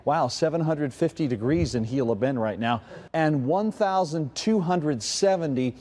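A man presenting a live weather forecast in a TV studio, deadpan and mock-serious. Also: a little high, moderate pace.

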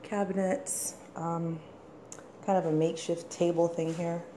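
A young woman vlogger from the Washington DC area gives a casual walking tour of her apartment, going room to room and rambling with lots of "like" fillers, filmed on a handheld phone camera. Her voice is on the low side, mellow, flat, and measured, with a little hiss or hum.

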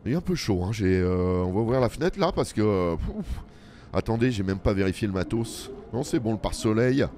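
Low-voiced man chatting over gameplay. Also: expressive, brisk, darkish tone, slight background noise. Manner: chatty, self-mocking, addresses the viewers directly; mutters running remarks to himself while playing. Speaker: let's play host. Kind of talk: casual gameplay commentary.

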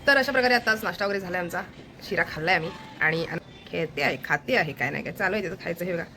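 A woman's voice: fairly low pitch, fast, bright, forceful tone. A woman hosting a casual family home vlog from her kitchen, talking straight to her viewers in a chatty way with plenty of fillers. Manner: chatty, addresses viewers directly, many fillers. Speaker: family vlogger. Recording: noisy home ambience.

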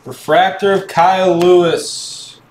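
A man speaking slowly and evenly as he hosts a live card break, naming cards and answering viewers. His voice sits a little higher than most men's. It sounds echoey, with a faint hiss in the background. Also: flat delivery. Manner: slow, low-key calling of cards while chatting to viewers. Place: indoor room with card boxes on a table.

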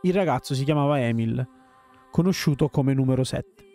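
A man reading a dark game story aloud in a measured, grave storytelling manner. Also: mid-range voice, faint music behind. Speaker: let's player reading story text.

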